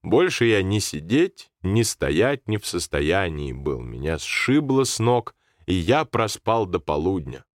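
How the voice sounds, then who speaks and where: Man reading a story out loud, even and calm, dry close sound. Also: low voice, unhurried, few pauses, no room sound. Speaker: narrator.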